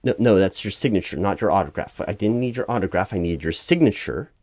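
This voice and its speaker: Playing a corporate recruiting manager in a one-sided ASMR interview roleplay, a man speaks aloud in a lowish, darkish, animated voice. Polite and bureaucratic, he gets a little flustered and exasperated, halting and repeating himself as he patiently over-explains. The sound is close-miked and dry.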